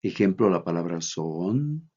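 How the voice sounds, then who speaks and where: A man from Bolivia giving a recorded lecture, reading out examples slowly and deliberately. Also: low voice, animated, warm tone, husky. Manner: slow, deliberate, reads out examples. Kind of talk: recorded lecture on Greek accents. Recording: dull lo-fi recording.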